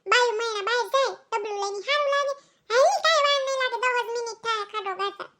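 A pack of shrill, bossy village women in a cartoon, with a Kathiawadi accent. The voice sits sky-high and bright, racing along as it nags and hollers. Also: female voice. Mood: scolding. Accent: Kathiawadi Gujarati. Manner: shrill, quick, nagging and shouting. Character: loud bossy village women, middle-aged, scolding. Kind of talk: cartoon comedy voice acting.

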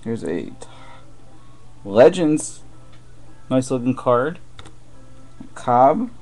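Drawing out his words, a man with a mid-range, slightly mellow voice and big pitch swings mutters play-by-play as he rips open trading card packs in a live break. Boxes sit on the desk in his room, soft music plays, and wrappers crinkle faintly.

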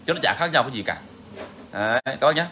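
A man's voice: mid-range voice, expressive, fast, noisy background. A man hosting a bird-keeping channel, talking casually and frankly to viewers, repeating himself often. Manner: frank, repetitive, chatty.

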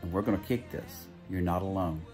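Man, very low voice, encouraging, personal video message. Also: fairly quick, darkish tone, soft background music.

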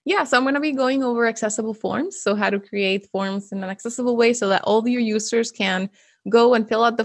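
A young woman originally from Venezuela speaks as a guest in a relaxed video interview. She explains things clearly and in a friendly way, and laughs easily. Her voice is recorded dry on a close studio microphone with a pop filter. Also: mid-range voice, dry recording. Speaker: guest, web developer. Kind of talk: casual interview. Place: home room. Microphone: close studio mic with pop filter.

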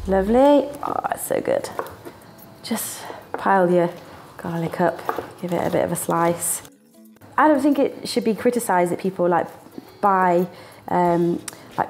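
A young student presenter with a northern English accent chats playfully through a casual cooking demonstration in a small indoor kitchen. Her voice is lowish and darkish in tone, and she laughs often and makes little sound words.

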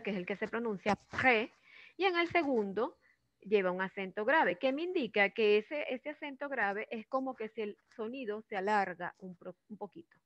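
A woman with a Venezuelan accent teaching a French grammar lesson in Spanish, drawing out the French words slowly and often checking in with her students. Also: a little high, fairly bright tone, no echo. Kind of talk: classroom lesson explaining grammar. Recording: dull, dry lo-fi recording.

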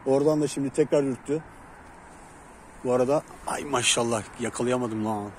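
A man filming his pigeon loft outdoors in a city, chatting casually and calling loudly to coax his birds in. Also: medium pitch, a little fast. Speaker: pigeon keeper and channel host. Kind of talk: casual outdoor vlog chat. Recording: noisy outdoor recording. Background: birds and city traffic.

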